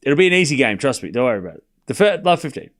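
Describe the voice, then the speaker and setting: Here the Australian tennis commentator talks very fast in a mid-range, sing-song voice that's a bit bright. He keeps the live commentary casual, showing off and ribbing his chat as he speaks directly to them.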